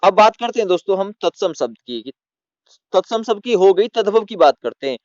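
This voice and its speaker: A man's voice: sits high, sing-song, a little fast, a little mellow, dry recording, muffled recording. A man teaching Hindi grammar in a lesson, who keeps asking his listeners questions and answering them himself. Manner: repeats "theek hai dosto" and asks the class questions. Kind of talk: classroom-style lesson.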